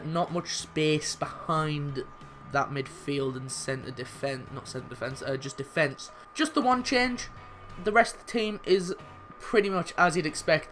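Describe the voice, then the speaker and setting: Young guy narrating his football game, swears a lot, yells at goals, bit of music underneath. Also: on the high side. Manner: excitable, swears, bursts into shouts at goals. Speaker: gaming YouTuber. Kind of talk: live football game commentary.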